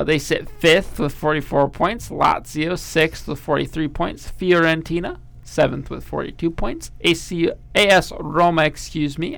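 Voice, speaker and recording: Male co-host, a bit high, with a gravelly edge; reads standings steadily, teases his partner. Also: fairly bright tone, no room sound. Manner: jokey, teasing banter. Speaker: podcast co-host. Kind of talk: casual sports chat.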